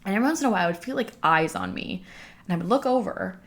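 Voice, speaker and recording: A woman's voice: medium pitch, lively intonation, racing. A young woman telling a personal story casually and candidly, breathing heavily and out of breath, with lots of "like" as filler. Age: young adult. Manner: chatty, filler-heavy with frequent "like". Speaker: vlogger speaking to followers.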